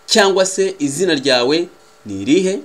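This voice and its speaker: With a fairly high, animated voice, this English teacher, a native Kinyarwanda speaker with a Rwandan accent, leads a language lesson. He repeats phrases slowly and enunciates each one carefully.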